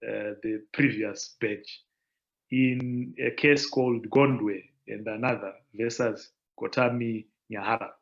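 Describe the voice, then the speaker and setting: Male law panelist, gravelly, measured explainer; lo-fi video call audio. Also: on the low side, fairly even intonation. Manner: measured, explanatory lecturing with pauses. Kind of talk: online panel presentation.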